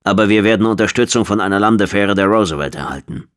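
A man voicing a gruff, impatient military commander who barks curt orders, raised above his own low voice. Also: quick pace, natural voice.

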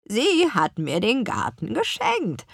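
A croaking old grandmother witch from a storybook, kindly and a little forgetful, as a woman reading puts her on. Her voice is raspy and thin, pitched high and stretched out slowly, and it swings widely up and down. The recording is dry and close. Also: huge pitch swings, a bit bright, no room sound, exaggerated voice. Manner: drawn-out, high cracked old-lady delivery. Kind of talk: audiobook character voice.

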